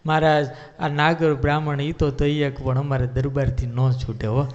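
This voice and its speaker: A man with a fairly high voice tells a devotional story as a sermon, acting out each character's lines in shifting voices. His voice rings with a long reverb through a large hall. The recording is dull and lo-fi. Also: flat delivery, normal speed, a little hiss or hum. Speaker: religious storyteller.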